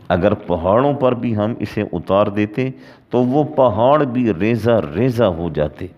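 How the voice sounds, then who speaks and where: A man with a Pakistani Urdu accent preaching a religious story, with measured delivery and slow scripture recitation. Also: on the low side. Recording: dull lo-fi recording.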